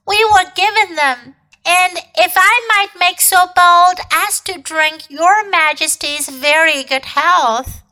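A woman's voice: extremely high pitch, takes it slowly, few pauses, pushed and bright, voice pushed up, full character voice, low-quality recording. A woman voicing an old male fox who is timid and deferential and stammers with fear, in a storybook reading. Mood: polite.

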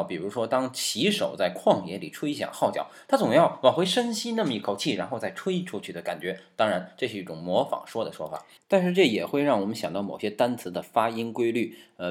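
A man hosts a music history lesson in a playful, jokey manner, even addressing his piano. His voice sits low, but his pitch swings widely. Faint piano music plays behind him. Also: fairly quick, few pauses. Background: piano playing.

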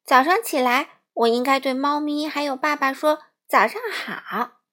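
A woman voicing a small, confused three-year-old girl koala, speaking in a bright, eager, childlike way. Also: high-pitched, unhurried.

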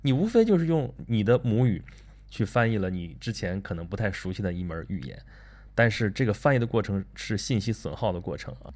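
A man hosting a casual talk, animated and chatty, asking himself rhetorical questions. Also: on the low side, brisk. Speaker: podcast host. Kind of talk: casual monologue on learning and reading.

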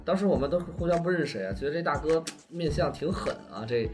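A man's voice: fairly high pitch, animated, fast, over music. A man co-hosting a podcast, telling a long casual story with many stops and restarts. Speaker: podcast co-host.

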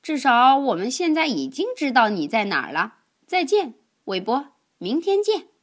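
Elmer, a woman voicing a calm teasing elephant. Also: sits high, moderate pace, pitched above the performer's own voice. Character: kind checkered female elephant, playful leader.

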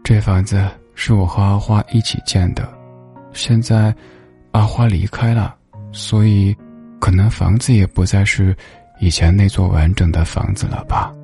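Give me a man playing a dejected, lonely storybook man with a low, subdued voice. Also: level tone, normal speed, vocal fry, soft background music. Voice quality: low, quiet voice. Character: sad lonely man who lost his partner.

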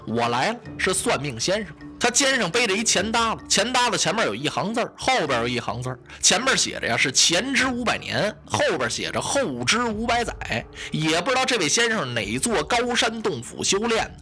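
A man narrating a traditional story in a lively, dramatic way, voicing the sound effects himself. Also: sits high, moderate pace, soft background music.

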